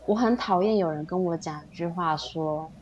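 A woman's voice: on the low side, moderate pace, dull audio. A woman with a Taiwanese Mandarin accent, a podcast guest telling an emotional personal story in casual chat, animating it by acting out what people said. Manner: animated storytelling, acts out quoted dialogue. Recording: faint background noise.

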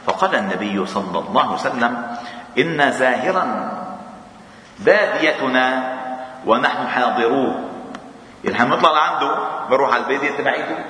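A man's voice: medium pitch, fast, sharp tone. A man with a Lebanese accent giving a religious lesson in a mosque, reading classical texts and explaining them in colloquial speech with light chuckles. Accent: Lebanese Arabic. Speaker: mosque teacher. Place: mosque hall. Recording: echoey mosque hall.

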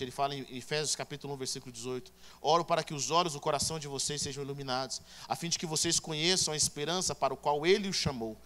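Bright-voiced preacher man. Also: on the high side. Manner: emphatic, swings from hushed to loud. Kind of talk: sermon.

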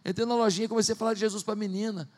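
A man preaching a sermon as pastor, moving from quiet storytelling to loud, emphatic passages. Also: high-pitched, fairly even intonation, racing. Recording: long hall reverb.

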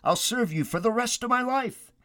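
A man voicing a terrified man hanging from a cliff branch, yelling and pleading frantically. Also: high-pitched, huge pitch swings, slow pace, slightly rough, no echo, studio quality, voice pushed up, exaggerated voice. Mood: frantic pleading.

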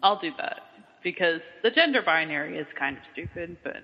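A man's voice: on the high side, animated, brisk, vocal fry. A young man in his twenties from Kentucky, hosting a casual chat and laughing often between lines. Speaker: podcast host. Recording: muffled audio, long room reverb.

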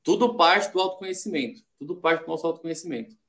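A man from Brazil talks as a guest on a relaxed podcast. His voice sits a little high for a man, and he lays out ideas in numbered steps, now and then acting out short quoted lines to make a point. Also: quick pace. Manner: explains in steps, acts out quoted examples. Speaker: podcast guest, sales development rep. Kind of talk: casual podcast chat.

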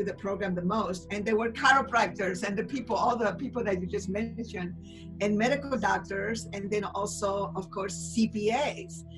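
A woman's voice: mid-range voice, rough recording. Older Chilean woman, enthusiastic, over music. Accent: Chilean Spanish. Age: 60s. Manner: enthusiastic, storytelling, many fillers. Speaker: guest. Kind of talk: interview answers.

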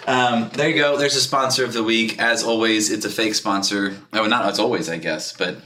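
Male church podcast host, energetic and chatty, bright tone, roomy echo, light noise. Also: on the low side, moderate pace. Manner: chatty, energetic, laughs often. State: out of breath. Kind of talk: casual chat. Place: church studio.

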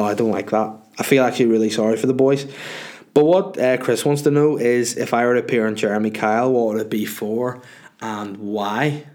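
With a medium pitch and slightly mellow tone, a man hosts a solo podcast despite a sniffly cold. He answers listeners casually and bluntly, wandering off topic and cursing.

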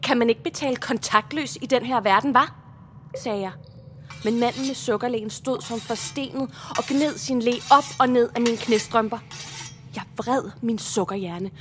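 A woman's voice: high voice, slight background noise. A woman narrating a comic story in a brash, sassy, exaggerated way.

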